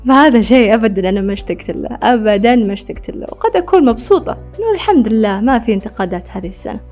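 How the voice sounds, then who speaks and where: A young woman hosting a comic monologue, telling stories in an animated way and acting out her relatives' voices. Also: a little high, rapid-fire, soft background music. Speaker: podcast host.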